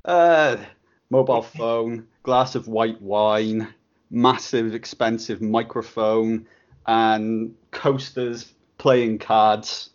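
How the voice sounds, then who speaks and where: A man co-hosting a casual podcast, with a deadpan, crude sense of humour. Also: lowish voice, very slow. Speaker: podcast co-host. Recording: dull lo-fi home recording.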